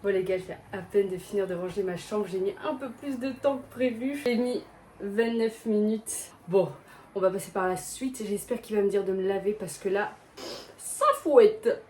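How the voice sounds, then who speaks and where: A woman's voice: mid-range voice, moderate pace, mellow, a little hiss or hum. Chatty self-mocking young woman vlogger. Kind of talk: casual vlog chat.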